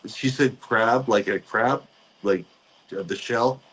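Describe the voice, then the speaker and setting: A man speaking as a spirit medium, relaying messages in short, halting fragments during a ghost box session. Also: medium pitch, fairly bright tone, slightly rough.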